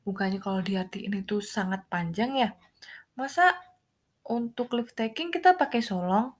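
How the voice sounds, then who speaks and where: A woman's voice: medium pitch, normal speed. A woman teaching English, who reads each example phrase aloud and then explains what it means. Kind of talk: classroom lesson.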